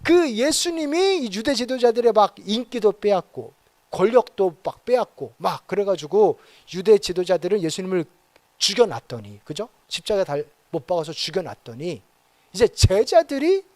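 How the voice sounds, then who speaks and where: A man preaching a sermon as pastor, animated, with dramatic quoted exclamations. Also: high-pitched, normal speed, no room sound. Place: church auditorium.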